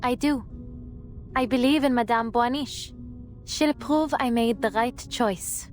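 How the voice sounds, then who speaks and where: A woman's voice: a little high, slow. An actress playing a guarded, defiant woman who answers her inner voice with curt retorts, in video game drama style. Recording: music underneath.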